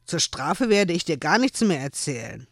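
A man's voice: fairly high pitch, big pitch swings, normal speed, fairly bright tone, no room sound, studio quality, full character voice. A man voicing a patient, earnest young man who coaxes and scolds a child. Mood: stern. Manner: firm and coaxing.

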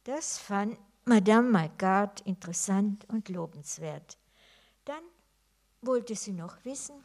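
A woman reads a novel aloud at a slow, deliberate pace. Her narration is even and unhurried, with a middle-pitched voice. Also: gravelly. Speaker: reader.

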